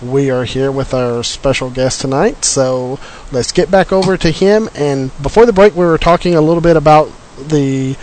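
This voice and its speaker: A man's voice: a little high, moderate pace, a little mellow, rough recording. A man hosting a radio show in casual interview chat, often stumbling over his words.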